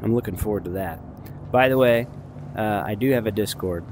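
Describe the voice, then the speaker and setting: A man's voice: fairly low pitch, a little fast, noisy background. A man giving casual, rambling gameplay commentary as a video host, chatty, informal and self-deprecating.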